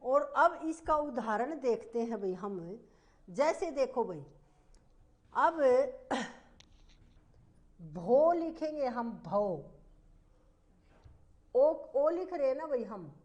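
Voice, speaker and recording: A woman teacher giving a slow, repetitive grammar lesson, asking the class questions as she explains. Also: high voice, animated, darkish tone. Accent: Hindi.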